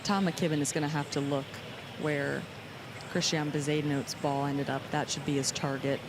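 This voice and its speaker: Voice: medium pitch, flat delivery, normal speed, noisy background. An on-course golf commentator explaining shots and strategy in a matter-of-fact way. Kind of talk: live golf commentary, shot analysis.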